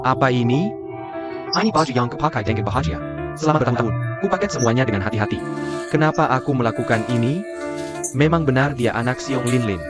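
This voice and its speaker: A man's voice: mid-range voice, expressive, quick pace, loud music behind the voice, close to an everyday voice. A man dubbing a stubborn, hurt grandfather in a TV drama, arguing and pleading in turn. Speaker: dubbed drama character. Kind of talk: dubbed TV drama acting.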